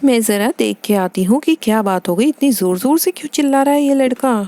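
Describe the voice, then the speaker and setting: A busy mother fusses over her children in fussy, motherly chatter, voiced by a woman. Her voice sits a little high, and the recording is close and dry. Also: expressive, brisk, warm tone, dry recording, natural voice. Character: Barbie as a busy, caring mother. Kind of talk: toy doll play voice-over.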